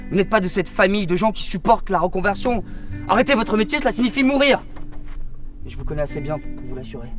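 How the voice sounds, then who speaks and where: An actor playing a loyal, exasperated squire in a theatrical, declamatory, hammy stage manner. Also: male voice, high-pitched, lively intonation, fast, faint music behind. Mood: earnest. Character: loyal, exasperated squire Sancho, pleading with his master. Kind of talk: theatrical stage dialogue in French.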